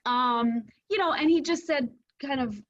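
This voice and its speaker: In a group qigong class, a woman in her forties shares a personal story candidly and haltingly, breaking into soft laughs. Her voice is high-pitched and the sound is lo-fi.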